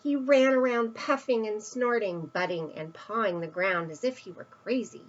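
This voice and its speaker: A woman's voice: mid-range voice, moderate pace, highs cut off. A woman reading a children's picture book aloud, expressively, with emphatic stresses and asides to young listeners. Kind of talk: read-aloud children's storytelling.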